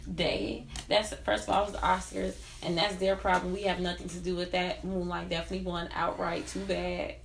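A woman with a low, gravelly voice guests on a podcast, laid-back and dismissive. The sound is roomy, with faint noise behind her. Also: flat delivery, brisk, few pauses. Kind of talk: casual podcast chat.

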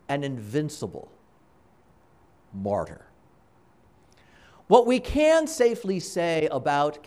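A man speaking as a priest at Mass, reading and preaching in a measured, deliberate way with dramatic pauses between short phrases. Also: high voice. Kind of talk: Gospel reading and homily at Mass.

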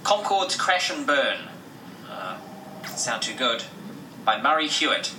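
A fussy, deadpan band manager from a sitcom, speaking with a New Zealand accent. His voice is very bright and sharp-edged. The clip sounds roomy and echoey. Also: medium pitch, measured pace, a little hiss or hum, exaggerated voice. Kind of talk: sitcom acting.

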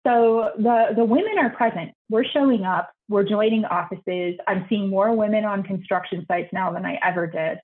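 The guest is a young woman architect responding to interview questions on a video call with tinny sound. She speaks earnestly, repeats words readily, and her pitch goes up when she's excited.

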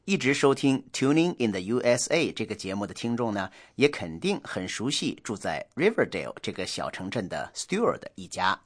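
Guy hosting a radio english class, lowish voice, lots of melody. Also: sing-song. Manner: measured, explanatory. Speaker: language lesson host. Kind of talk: scripted radio lesson.

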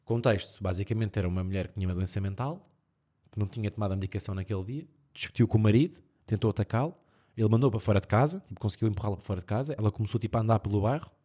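This slightly rough, lowish male voice races along as he spins eerie tales for a podcast in a relaxed, lively style. He has a European Portuguese accent, acts out the characters by shouting their lines, and laughs a lot.

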